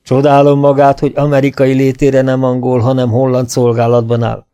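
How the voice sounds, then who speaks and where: A man's voice: mid-range voice, completely flat delivery, dark tone, clean tone, muffled recording, lightly acted. A man doing a genial old British colonel. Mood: cordial. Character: friendly older male British colonel.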